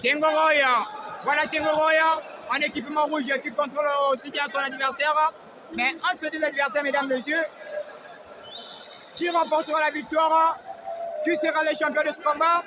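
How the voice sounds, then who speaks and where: A man giving excited, emphatic live boxing commentary like a ring announcer, often calling out names. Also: extremely high pitch, normal speed. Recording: noisy live event with loud crowd. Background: crowd noise.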